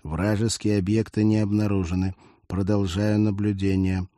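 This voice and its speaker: A man reading an audiobook voices a cold male cyborg soldier with a slow, even, half-robot delivery. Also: on the low side, no room sound, clean studio sound, lightly acted. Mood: indifferent. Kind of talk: audiobook character voice.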